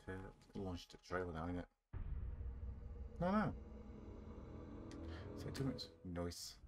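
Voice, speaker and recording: A man's voice: sits low, very animated, unhurried, a little hiss or hum. A British man giving casual, sarcastic, sweary game commentary. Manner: sarcastic, sweary, self-deprecating. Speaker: gaming video host. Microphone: voice-over mixed over game audio. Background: game music.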